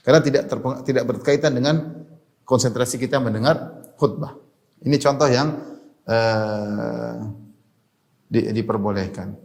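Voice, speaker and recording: A male preacher delivering a religious lecture in a steady mid-range voice. He explains step by step and circles back to restate each point, often closing phrases with a short "ya" to check in with listeners. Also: mid-range voice, unhurried, vocal fry, pauses often. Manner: explanatory, repeats key points, tags phrases with "ya". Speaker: Islamic preacher.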